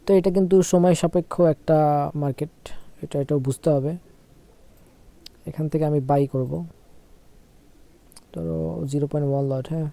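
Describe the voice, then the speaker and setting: Slow-talking unwell man. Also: fairly high pitch, gravelly, mellow. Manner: slow, repeats phrases, asks "okay?" often. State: unwell, speaking slowly. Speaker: trading tutor. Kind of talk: casual screen-share tutorial.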